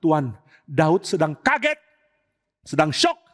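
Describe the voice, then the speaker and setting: A man plays a cunning royal advisor in a retold story. The voice sits high and presses each point with urgent insistence. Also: sing-song, slow, fairly bright tone, long reverb tail, heavily acted.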